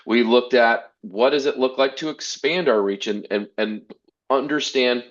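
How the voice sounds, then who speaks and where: A man presenting a church-software webinar, talking earnestly with many restarts and repeated words. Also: medium pitch, measured pace, highs cut off. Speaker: workshop presenter.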